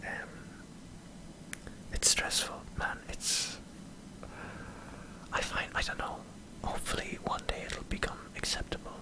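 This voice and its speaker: An Irish man in a hesitant, self-deprecating ASMR ramble, speaking in a breathy whisper close to the microphone. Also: unhurried, long pauses, low-quality recording. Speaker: ASMR video creator. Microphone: close microphone in front of a camera.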